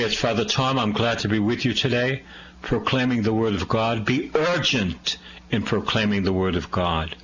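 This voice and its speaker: A priest giving a fervent Bible teaching for a radio broadcast, repeating phrases for emphasis. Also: male voice, mid-range voice, a bit bright, muffled recording, slight background noise.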